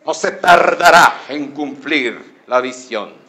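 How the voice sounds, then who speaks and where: A pastor imitating a pompous prosperity preacher who claims a prophetic anointing, with drawn-out, mock-solemn hallelujahs. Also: male voice, fairly high pitch, expressive, sharp tone, full character voice.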